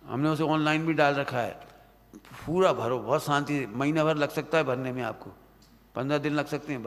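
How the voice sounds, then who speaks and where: At night in the hall of a Jain study centre, a Jain preacher gives a stern religious discourse in Hindi to his students, and the long hall reverb carries his voice. He speaks in a fairly bright, creaky, somewhat high register. Admonishing them, he keeps asking whether they have understood.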